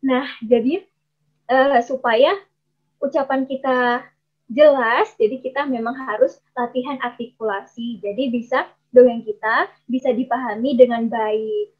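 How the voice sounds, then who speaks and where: High-voiced woman teaching storytelling. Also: unhurried. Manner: explanatory, with frequent hesitation fillers; addresses listeners as friends. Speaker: storytelling trainer. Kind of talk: workshop presentation. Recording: slightly dull lo-fi audio.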